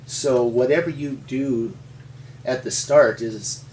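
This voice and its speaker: This Montana man, the resident paleontologist, speaks slowly at medium pitch with a darkish tone. In a storytelling interview he rambles folksily and chuckles along. Expect an echoey room, a far-off mic, and slight background noise.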